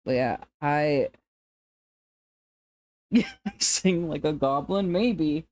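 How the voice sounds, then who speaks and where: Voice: medium pitch, drawn-out words, no room sound. An androgynous, femme-leaning voice chats casually with an audience, taking its time and wandering from thought to thought. The sound is dry and close, with no room around it. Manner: relaxed, rambling, laughs often, restarts sentences. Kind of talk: casual chat with viewers.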